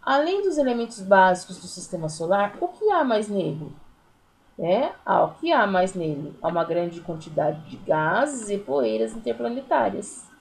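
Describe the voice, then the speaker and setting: A primary school teacher with a Brazilian Portuguese accent patiently walks young pupils through a lesson in a recorded remote class, counting syllables aloud and using lots of diminutives. Her voice is medium-pitched and gravelly, very animated, at a moderate pace. The recording is low quality.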